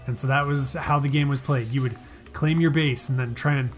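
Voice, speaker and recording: Male gaming host, thirties, mid-pitched, playful and explanatory, casual commentary over music. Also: fairly even intonation, brisk. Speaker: host of a family gaming show.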